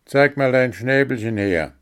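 Man voicing a vain gnome, loud and sharp, scolding, gravelly, storybook. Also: mid-range voice, slow pace, pitched above the performer's own voice. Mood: scheming. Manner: sharp, scolding, self-important. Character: vain, prickly male gnome, quick-tempered.

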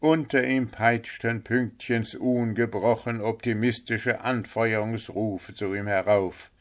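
A male storyteller reads a children's tale in an unhurried, even manner. His voice sits on the low side, and he takes his time with each phrase. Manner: calm, measured reading. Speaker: narrator. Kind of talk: storybook narration.

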